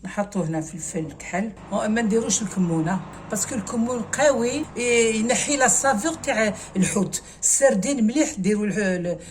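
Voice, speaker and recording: A woman's voice: medium pitch, fairly quick, slight background noise. Algerian woman demonstrating a recipe. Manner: casual, mixes in French words. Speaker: cooking channel host. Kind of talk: step-by-step cooking demonstration.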